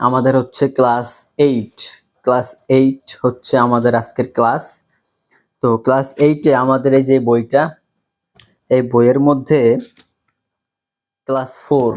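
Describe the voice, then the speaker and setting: Male tutor, unhurried drill voice, patient, repeats every word. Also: mid-range voice, darkish tone. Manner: patient, repeats each word many times. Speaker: English teacher. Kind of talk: slow vocabulary lesson, repeat-after-me drills.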